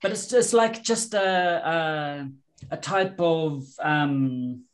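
Through a headset on a video call, a casually chatting guest in his forties explains things in an animated way. His softened New Zealand accent comes through a fairly high voice at a slow pace.

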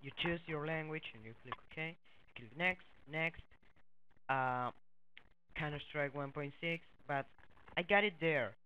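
Young man, non-native English, halting tutorial talk, smooth bright tone, dry dull recording. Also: on the high side, dry recording. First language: not English. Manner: halting, repeats words, many fillers. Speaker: tutorial host. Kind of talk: casual screen-recorded tutorial walkthrough.

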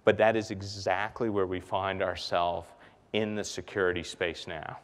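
Animated man giving a keynote in a hall. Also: deep voice, normal speed. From the Bahamas. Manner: animated, gestures and paces the stage. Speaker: conference keynote speaker. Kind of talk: keynote talk. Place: large conference hall stage. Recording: reverberant hall.

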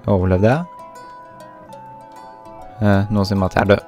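A young man talks through his gameplay in a chatty, self-mocking way, dropping English slang as he goes. His voice sits fairly low, and soft game music plays quietly behind him. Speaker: gaming YouTuber. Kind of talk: casual gameplay commentary. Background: faint game music.

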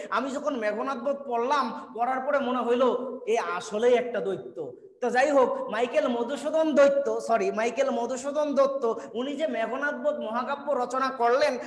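A man teaching an admission coaching class online, joking and teasing students by name as he reads their questions, and mixing English words into his talk. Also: extremely high pitch. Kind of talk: online lecture with live chat questions. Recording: echoey room with long reverb.

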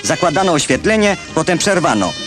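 A man's voice: on the high side, big pitch swings, a little fast. A man narrating an old newsreel in a scripted, wry and ironic way, with music behind him. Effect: old newsreel recording.

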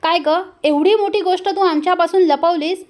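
A woman's voice: very high voice, normal speed, darkish tone. A woman voicing an angry, domineering mother-in-law who scolds harshly, read within a story recap. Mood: furious.

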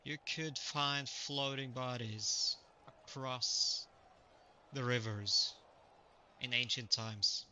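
A man's voice: medium pitch, slow. A man streaming a strategy game, chatting casually with viewers as he plays. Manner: relaxed, chatty, greets viewers. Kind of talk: live gaming commentary.

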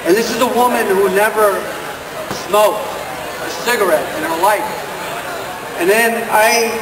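High-pitched man, voice trembling with emotion. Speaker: guest speaker. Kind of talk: emotional personal speech at a podium. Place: indoor expo stage at a podium. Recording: roomy, distant microphone, loud background noise.

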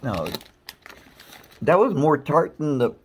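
Man, snack-tasting vlog, teasing and playful, bouncy animated pitch, faint hiss behind. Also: takes it slowly. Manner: teasing, playful, reads product blurbs aloud. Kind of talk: casual snack-tasting chat.

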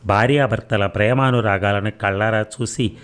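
A man's voice: fairly low pitch, steady tone, normal speed, fairly bright tone, clear, resonant tone, close to an everyday voice. A man voicing an unhappy young married woman whose lines are pleading and bitter, in a read-aloud story.

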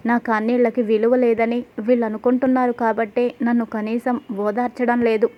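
A woman's voice: fairly high pitch, little pitch movement, normal speed, highs cut off, natural voice. A woman voicing an angry, hurt middle-aged mother who scolds, read in a level tone.

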